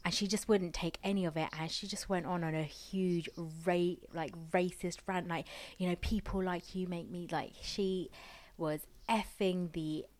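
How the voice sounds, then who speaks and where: Chatty woman, lowish voice. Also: fairly even intonation, measured pace, darkish tone. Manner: rambling, many fillers and restarts. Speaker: podcast host. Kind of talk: casual storytelling.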